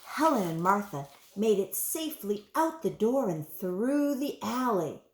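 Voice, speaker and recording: A woman's voice: mid-range voice, sing-song, measured pace, a little hiss or hum. A woman, a preschool teacher, reading a picture book aloud to children and asking them questions. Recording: roomy room echo.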